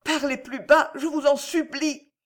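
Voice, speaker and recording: A woman's voice: sits high, expressive, takes it slowly, voice pushed up. A woman voicing a frightened young woman in love, pleading and breathless, in an audiobook reading. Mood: pleading panicked. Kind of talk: audiobook character voice.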